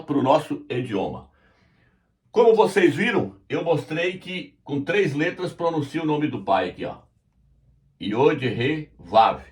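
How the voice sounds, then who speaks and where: Man teaching letters at a whiteboard. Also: on the high side. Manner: deliberate, spells out letters while pointing. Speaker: Bible teacher.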